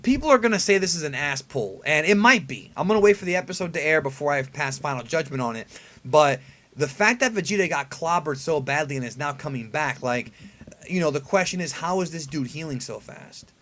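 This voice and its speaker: A male anime review host speaks in a fairly high register. He breaks down a preview in a casual, conversational way, stressing his points and putting rhetorical questions to viewers. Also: expressive, a little fast, a bit bright. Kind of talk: casual fan commentary breaking down an episode preview.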